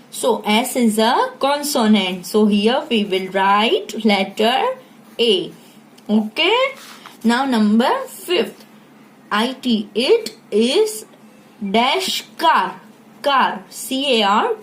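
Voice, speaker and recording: A woman teacher with an Indian English accent, who talks slowly and spells out letters and asks questions as she walks through a beginner English lesson. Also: a little high. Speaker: primary school English teacher. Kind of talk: slow classroom lesson.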